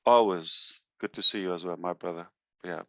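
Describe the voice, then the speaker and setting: A man's voice: low-pitched, normal speed, pushed and bright, no echo. A man chatting casually as a talk show guest, with short informal questions and interjections. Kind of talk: casual chat. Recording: dull, lo-fi online call audio.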